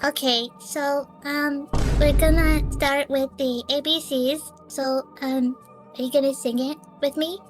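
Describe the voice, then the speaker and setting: A woman putting on a babyish toddler voice, slow and sing-song. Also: sits high, fairly even intonation, soft background music, voice pushed up. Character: tiny toddler, sweet and babyish.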